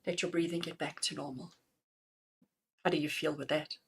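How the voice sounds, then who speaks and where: A middle-aged woman leads a live guided breathing lesson as a spiritual healer. She talks in an animated, chatty way and laughs often. When she counts breaths, she slows down and turns calm. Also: low voice, gravelly, a little hiss or hum.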